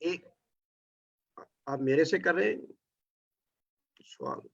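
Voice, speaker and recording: A man speaks slowly over a dull, lo-fi call line that keeps cutting out. His voice sits fairly high for a man. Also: wildly swooping pitch, vocal fry. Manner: slow, measured explaining. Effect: call audio cutting out. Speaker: agriculture expert guest. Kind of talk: remote interview over a call.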